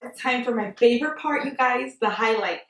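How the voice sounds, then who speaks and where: Giggly tipsy woman, high voice, echoey room. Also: normal speed. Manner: giggly, tipsy drunk talk; playful, slangy, exclamatory. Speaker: beauty vlogger. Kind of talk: casual makeup tutorial chat. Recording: echoey room, distant from mic.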